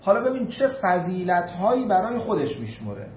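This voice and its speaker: Iranian male preacher telling a history story, slightly high voice, roomy and a bit dull recording with faint noise. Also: sing-song. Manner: recites classical Arabic quotations then translates them; emphatic, repeats figures for weight. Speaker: religious lecturer. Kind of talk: storytelling sermon.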